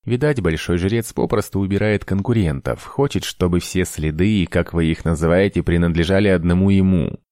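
A man voicing a sly male elder in an audiobook, drawing out his words slowly. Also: sits low, warm tone, no echo, clean studio sound, natural voice. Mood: knowing. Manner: drawn-out slow speech.

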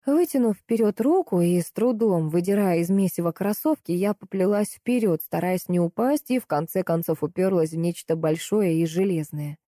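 A woman narrating a first-person audiobook in a steady, lively storytelling way. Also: lowish voice, normal speed, hardly any pauses, dry recording, studio quality.

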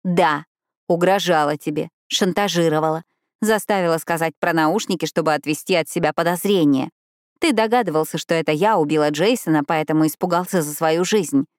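A woman's voice: low voice, a little fast, no echo, clean studio sound, close to an everyday voice. A woman voicing a firm, insistent young woman.

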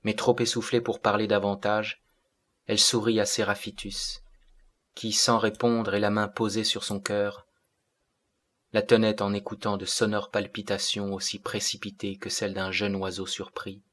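A man narrating a classic novel as an audiobook in a measured way. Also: lowish voice, completely flat delivery, fairly bright tone.

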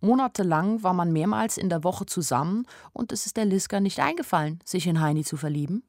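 An actress with a fairly low, darkish voice performs first-person radio play narration, sounding animated and brisk in a clean studio recording with no room sound. She plays an observant, plain-spoken young woman recounting her life in 1930s Germany in an intimate, matter-of-fact way.

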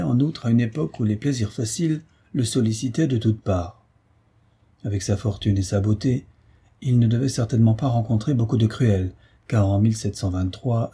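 A man narrating a nineteenth-century adventure novel in a measured, literary way. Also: lowish voice, mellow, husky. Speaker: audiobook narrator.

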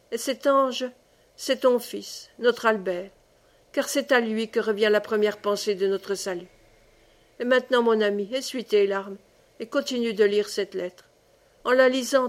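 A woman narrating a classic literary audiobook in a measured, expressive reading. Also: fairly high pitch. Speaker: audiobook reader.

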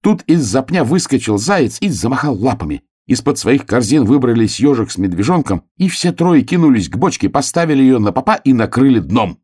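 A man reading a children's storybook aloud with an expressive, lively delivery. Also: mid-range voice, brisk, hardly any pauses, husky. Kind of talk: storybook narration.

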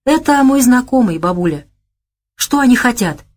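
A woman voicing a spirited, quick-tempered young woman who speaks briskly with lively questions. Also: on the high side, voice pushed up.

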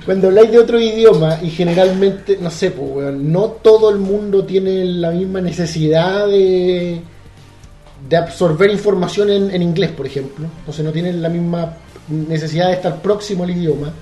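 A man's voice: high-pitched, moderate pace, mellow. A man with a Chilean accent co-hosting a podcast in casual banter, rambling and repeating words as he thinks. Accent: Chilean Spanish. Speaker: podcast co-host. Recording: roomy echo, faint music.

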